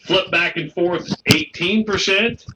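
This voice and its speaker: A man's voice: sits high, takes it slowly, very noisy. A man hosting a morning sports radio show, joking around and reading out listener messages. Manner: joking, animated, reads listener texts. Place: radio studio.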